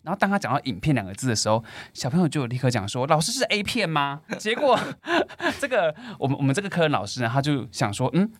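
Fast-talking man telling stories. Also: mid-range voice, no room sound. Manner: animated storyteller, laughs often. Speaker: elementary school teacher, co-host. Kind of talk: casual podcast chat.

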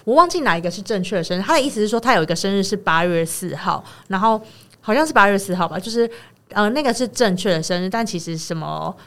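A woman's voice: medium pitch, expressive, quick pace, a bit bright. A woman with a Taiwanese Mandarin accent, co-hosting a podcast and retelling a friend's story in casual, rambling chat. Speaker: podcast co-host.

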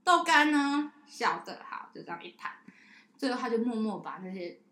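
A woman with a Taiwanese Mandarin accent co-hosts a casual podcast, rattling through a story at a brisk clip. She acts out the people in it with lively voices. Her voice rings in an echoey room. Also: mid-range voice. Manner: animated storyteller who acts out a child and herself. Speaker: podcast co-host.

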